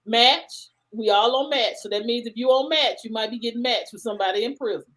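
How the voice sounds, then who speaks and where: A woman with a somewhat high voice hosts a relaxed chat show, reading items aloud in a playful, amused way. Her tone is light and conversational. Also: fairly quick, rough recording. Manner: playful, laughing while reading out a list. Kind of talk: casual chat.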